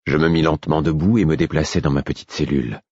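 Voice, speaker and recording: Man, audiobook narrator, very low voice, husky, measured reading, dry dull recording. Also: steady tone, a little mellow, no echo. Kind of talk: scripted first-person narration.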